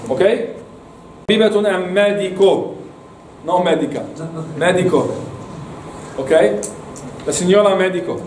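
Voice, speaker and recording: A man's voice: sits high, slow pace, pauses often, darkish tone, a little hiss or hum. A man teaching an Arabic class to students, encouraging and repeating words, recorded from across an echoey classroom. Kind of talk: classroom lesson. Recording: echoey room, mic far off.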